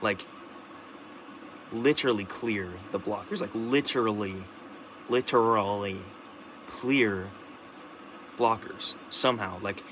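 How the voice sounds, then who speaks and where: A young man talking into his camera in a rambling, halting monologue, restarting sentences and swearing often. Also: lowish voice, noisy background. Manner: rambling, halting, with many restarts, fillers and curses. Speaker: vlogger.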